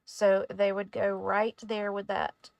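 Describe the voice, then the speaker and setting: A woman talks through a paper craft project in a relaxed, chatty voice-over. She sometimes trips over her words. Her voice sits in a middle range and sounds dry and close. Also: medium pitch, takes it slowly, gravelly, no echo. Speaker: craft tutorial host. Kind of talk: casual voice-over tutorial.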